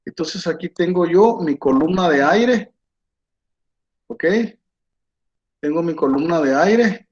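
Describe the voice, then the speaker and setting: Slow, patient teacher. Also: male voice, a little high, a little mellow. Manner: slow, patient, checks with "¿verdad?" after most phrases. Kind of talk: online lecture while drawing on a board. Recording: dull lo-fi sound.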